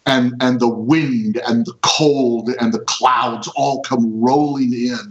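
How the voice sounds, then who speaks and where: A man's voice: mid-range voice, steady tone, slow. A man co-hosting a podcast, chatting casually and enthusiastically. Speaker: podcast co-host. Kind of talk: casual chat. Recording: dull, lo-fi microphone sound.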